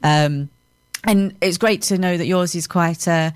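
A woman's voice: fairly low pitch, a little slow, smooth, no room sound, clean studio sound. A woman hosting a casual radio interview. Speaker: radio host.

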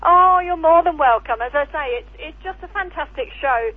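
A woman's voice: very high-pitched, lively intonation, moderate pace. A woman, calling in over the phone to a radio show and chatting enthusiastically. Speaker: caller. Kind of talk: casual chat. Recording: tinny phone line, raspy.

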